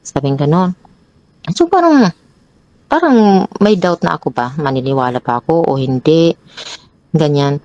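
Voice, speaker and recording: Woman telling her own story, lowish voice, halting, lots of restarts, dry close mic. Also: expressive, warm tone, no echo, highs cut off. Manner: hesitant, halting with many restarts; pitches up sharply when reliving an argument. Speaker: guest sharing a personal story. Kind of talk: confessional personal storytelling.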